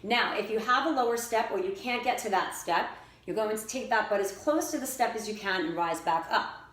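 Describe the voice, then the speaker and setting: A woman's voice: medium pitch, animated, fairly quick, fairly bright tone. A woman fitness instructor giving directive, step-by-step workout instruction and exercise cues. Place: indoors by a staircase. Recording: echoey room with faint noise.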